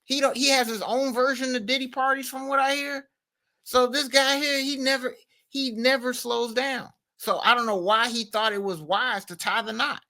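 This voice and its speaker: A man's voice: extremely high pitch, steady tone, normal speed, pushed and bright. A man co-hosting a podcast, talking in a loose, slangy, rambling way full of fillers. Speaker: podcast co-host. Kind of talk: casual commentary chat.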